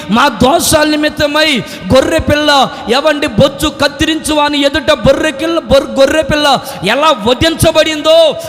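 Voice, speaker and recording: A man preacher voicing a grieving woman disciple who cries out in loud, pleading laments for her lost teacher, heard with a long hall reverb. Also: very high-pitched.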